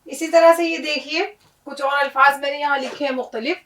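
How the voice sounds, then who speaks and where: Female Urdu teacher, high voice, patient and explanatory, recorded a little away from the mic. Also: fairly even intonation, fairly bright tone, recorded from a distance, poor audio. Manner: patient, explains each word and often asks "isn't it?". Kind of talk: teaching Urdu pronunciation on a board.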